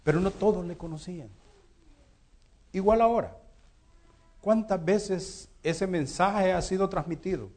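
Male preacher, earnest sermon delivery, slightly high pitch. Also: measured pace, long pauses. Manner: earnest preaching with rhetorical questions and swings in loudness.

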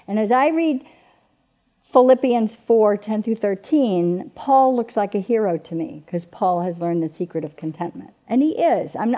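A woman's voice: medium pitch, dark tone. A woman giving an earnest, emphatic Bible teaching who repeats her key phrases for weight. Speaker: speaker at women's Bible teaching. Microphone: presenting from notes on a screen.

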